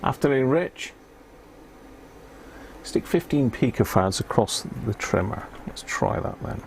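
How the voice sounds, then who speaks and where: With an expressive, mid-range voice and a slightly slow pace, a man talks casually through an electronics repair on his live stream. The amateur radio hobbyist mutters to himself over the fiddly work, and background noise is clearly present.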